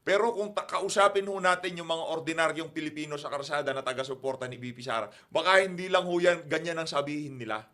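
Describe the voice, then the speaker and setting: Give me a male host of a political talk show who speaks politely and in a measured way. His voice is slightly high and bright. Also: steady tone.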